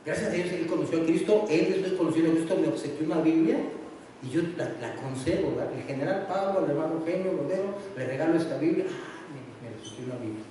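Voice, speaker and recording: High-voiced preacher in an echoey hall. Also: male voice, quick pace. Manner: animated storytelling, acting out voices with humor. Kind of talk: sermon. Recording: echoey hall, distant mic, faint noise.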